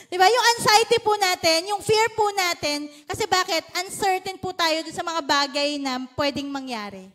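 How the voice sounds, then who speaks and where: High-voiced playful Filipino woman pastor. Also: expressive, normal speed, hardly any pauses, a bit bright. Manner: conversational, playful, teasing with the congregation. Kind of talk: sermon. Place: church service.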